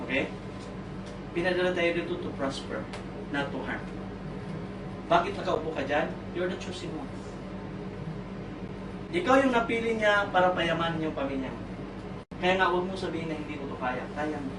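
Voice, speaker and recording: This fairly high-pitched man speaks at a normal pace but stops often, delivering a humorous pep talk to a sales orientation crowd. He spins stories with animation, ribs his listeners, quizzes them, and mixes in bits of English. Captured far from the mic in a noisy, echoing seminar room with an audience present.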